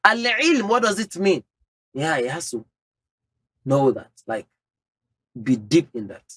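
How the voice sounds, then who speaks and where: A man's voice: on the high side, very animated, a little slow, a bit bright, dry recording. A man giving a religious lecture, speaking emphatically, laying out numbered points and sprinkling in Arabic terms. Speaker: Islamic teacher.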